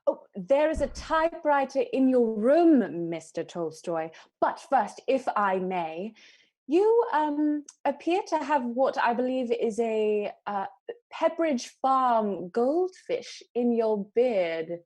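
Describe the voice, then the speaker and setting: A formal, polite housekeeper, played by a woman, stumbling over ums as she answers guests. Her voice is slightly high and unhurried. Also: sing-song, darkish tone, exaggerated voice. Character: polite island housekeeper-butler, hesitant.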